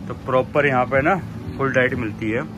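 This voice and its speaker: A travel vlogger in his forties films himself on his phone at an outdoor hillside camp, casually narrating and pointing things out to viewers. His mid-range voice is brisk with fairly even intonation, and background noise can be heard.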